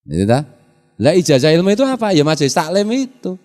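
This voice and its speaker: A man's voice: a little high, wildly swooping pitch, fast talker, a little mellow. A middle-aged man with a Javanese accent, a kyai giving a folksy religious lecture in a pesantren, mixing in Javanese and asking the audience questions. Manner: folksy, mixes Javanese into Indonesian, asks the audience rhetorical questions. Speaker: kyai teaching a pesantren study circle. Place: prayer hall of a traditional boarding school. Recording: reverberant hall.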